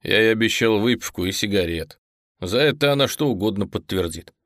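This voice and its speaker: A man voicing a blunt, gruff young man who talks in a curt, hushed way, in an audiobook. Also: lowish voice, expressive, brisk, no room sound, clean studio sound. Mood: bitter.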